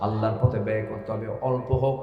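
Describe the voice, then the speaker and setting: A man preaching a Bengali waz sermon, laying out numbered points, drawing call-and-response from the crowd, chanting Quran verses and rising suddenly into shouts. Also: lowish voice, flat delivery, fast, highs cut off, soft background music. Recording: echoey hall with long reverb.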